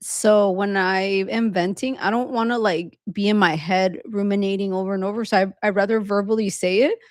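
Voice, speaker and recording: A woman in her thirties co-hosting a podcast, talking casually in long, quick run-on stretches with few pauses. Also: mid-range voice, fairly even intonation, dry recording, studio quality. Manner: fast, run-on venting talk with few pauses. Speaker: podcast co-host. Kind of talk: casual conversation.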